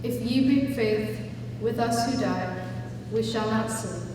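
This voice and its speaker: Woman, slow solemn poem recitation, distant mic, long hall reverb, steady hum. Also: a little high. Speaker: poem reciter at a remembrance ceremony. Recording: echoey hall from far off, humming.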